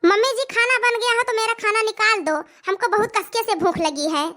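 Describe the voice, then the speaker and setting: A lazy, defiant young bride in an Awadhi cartoon, as a performer puts her on, answering back with sass. Her voice is very high, bright and piercing. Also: brisk, slight background noise. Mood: demanding. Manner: talking back, sassy. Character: cheeky young daughter-in-law, defiant and lazy. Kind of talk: cartoon comedy voice acting.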